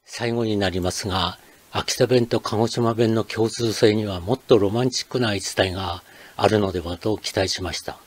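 Older man, low voice, measured scripted narration for a dialect lesson video. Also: slightly rough. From Akita, Japan. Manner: measured, explanatory reading. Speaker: channel host.

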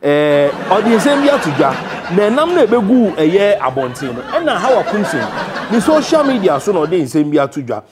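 A man's voice: high-pitched, sing-song, normal speed. A man in his thirties with a Ghanaian West African accent, hosting comic satirical news commentary in a theatrical, mock-serious way. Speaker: comedy news show host. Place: indoor TV studio set. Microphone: lapel mic. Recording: noisy, with crowd sound behind.

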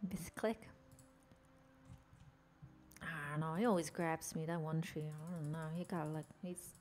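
This streamer's voice is deep and a little mellow, with fairly even intonation and a measured pace, and the recording carries a little hiss or hum. A young woman from Norway with a Norwegian accent, she playfully narrates her character and banters with chat as she plays.

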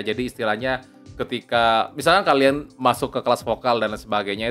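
A young man talks through a voice-over lesson in a loose, chatty way, checking in with his listeners every few words. His voice sits at an ordinary middle pitch. Soft music plays faintly underneath. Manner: chatty, fillers like "ya" and "oke", mixes in English phrases. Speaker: voice-over tutor. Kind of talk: casual spoken tutorial. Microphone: close lapel mic.

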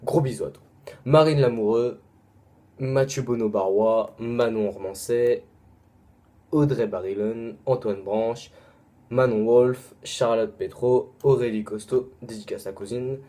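A young man with a French accent, rattling off a long list of names in a casual shout-out video, with quick asides and apologies. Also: mid-range voice, fairly even intonation. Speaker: vlogger.

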